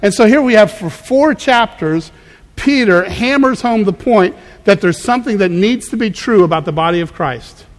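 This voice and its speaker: A man's voice: high-pitched, animated, normal speed, in a large hall. A man preaching a conversational sermon as a pastor, emphatic and prone to repeating words as he goes. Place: church.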